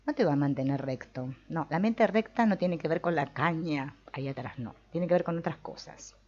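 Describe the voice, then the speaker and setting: A middle-aged woman with a Rioplatense Spanish accent giving an informal spiritual talk, animated and colloquial, acting out quoted voices for humor. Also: low voice, normal speed. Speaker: spiritual teacher. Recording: dull lo-fi recording.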